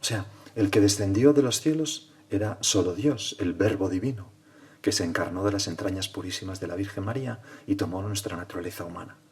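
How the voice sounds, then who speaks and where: Low-voiced priest in hushed meditation. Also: male voice, a little fast. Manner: prayerful, addresses the Lord directly, drops to hushed tones. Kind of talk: spoken meditation.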